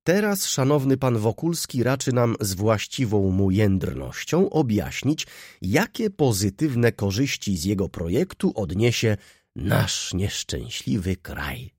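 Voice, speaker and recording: A man doing a persuasive prince, oratorical, husky, audiobook scene. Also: medium pitch, sing-song, unhurried, mellow, no echo, studio quality, voice pushed up.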